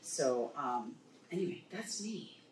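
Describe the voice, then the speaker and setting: Tired, very low-voiced woman in a room. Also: animated, takes it slowly. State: tired after a late night, throat a little rough. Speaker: author on a convention panel. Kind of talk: casual panel introduction. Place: indoor convention panel room. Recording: roomy, distant mic, faint noise.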